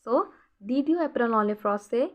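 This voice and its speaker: Woman teacher, a little high-pitched, patient quizzing delivery with slow repeats. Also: lively intonation. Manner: repeats key words slowly for learners, quizzing tone. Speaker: French teacher. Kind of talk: recorded classroom lesson voice-over.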